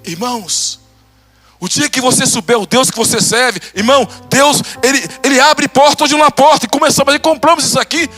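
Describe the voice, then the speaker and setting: A man's voice: very high-pitched, brisk, soft background music. A Brazilian pastor preaching a testimony sermon, acting out conversations and laughing as he tells it. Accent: Brazilian Portuguese. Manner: animated, acts out dialogue, laughs.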